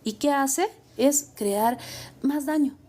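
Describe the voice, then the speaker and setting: A woman's voice: high voice, slow, darkish tone. A young adult woman lawyer, giving emphatic, repetitive advice. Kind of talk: advice talk.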